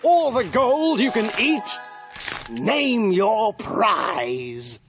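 Brief: pompous high-voiced cartoon king man voicing. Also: big pitch swings, drawn-out words, music in the background, heavily acted. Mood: grandiose. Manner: grandiose, flustered. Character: pompous fussy male king.

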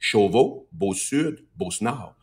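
A man with a Québécois French accent, a political guest on talk radio, arguing his case in an emphatic, animated way and building points through repetition. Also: on the low side, slow pace, husky. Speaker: political guest, party health spokesman.

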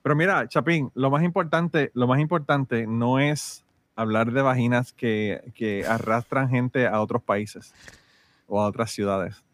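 Dry-sounding podcast co-host. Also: male voice, mid-range voice, steady tone, no room sound. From Puerto Rico. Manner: joking, rambling, drawn-out asides. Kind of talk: casual podcast banter.

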